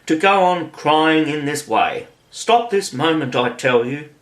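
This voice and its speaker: A man's voice: fairly high pitch, lively intonation, a little slow, pitched above the performer's own voice. Alice, a man doing a musing young girl. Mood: puzzled. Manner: musing aloud to herself.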